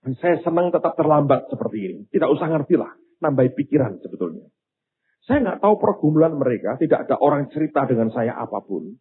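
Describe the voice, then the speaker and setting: An older male pastor preaches in a lively storytelling manner, his pitch leaping high and low. His voice is husky, and the sound is thin and phone-like. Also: fast. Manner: animated, rising to loud exclamations. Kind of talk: sermon with storytelling.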